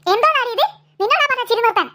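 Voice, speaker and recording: A woman's voice: very high voice, animated, very fast, pushed and bright, full character voice. A woman voicing a tired, scolding mother of two girls in a cartoon. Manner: nagging, exasperated scolding.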